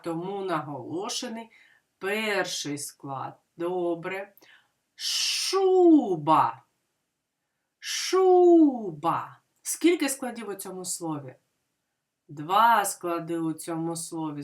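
A preschool teacher from Ukraine leads a literacy lesson for small children in a fairly low, fairly bright voice. She pronounces words slowly and clearly, posing questions and then answering them herself.

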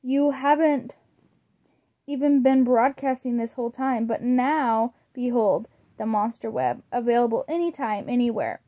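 Woman doing a know-it-all techy teen girl, high voice, slow and explaining, storybook. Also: lo-fi sound. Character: confident teen monster girl, techy and matter-of-fact.

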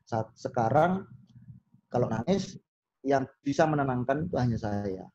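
A man, a podcast guest telling stories in a relaxed chat and acting out the lines he quotes. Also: medium pitch, measured pace, dull audio. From Solo, Central Java. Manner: animated storyteller who acts out quoted lines. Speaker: podcast guest, business owner.

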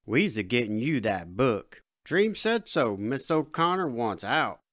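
A man reading the part of a gruff but proud middle-aged redneck father with a drawl. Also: mid-range voice, big pitch swings, measured pace, fairly bright tone, no echo, studio quality. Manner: drawling dialect.

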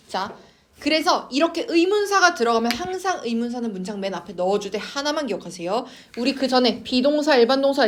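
Casting note: high-pitched woman as an English teacher, coaxing, keeps asking the class if they follow. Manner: coaxing, checks in constantly with students. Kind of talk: online class lecture to students.

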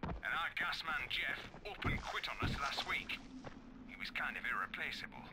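A man playing a brisk survivor technician making announcements through a radio filter in a video game. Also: medium pitch, sing-song, heavy background noise. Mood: brisk, concerned.

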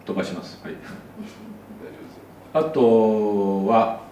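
A man's voice: lowish voice, very animated, extremely slow, warm tone, echoey room, recorded from a distance, a little hiss or hum, rough recording. A man giving a casual slide lecture as an architect, chatty, with many asides.

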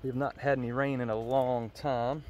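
Holding his phone with a glove over the mic to cut the wind, a farmer vlogs an informal, folksy tour of his farm outdoors. He speaks matter-of-factly at normal speed in a mid-range, darkish voice with a flat delivery.

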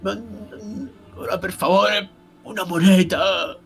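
A man's voice: high-pitched, fairly even intonation, slow pace, gravelly, fairly bright tone, husky, faint music behind, voice pushed up, full character voice. A man voicing a hungry, bitter beggar in a tabletop game, pleading and agitated. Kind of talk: tabletop game role-play.

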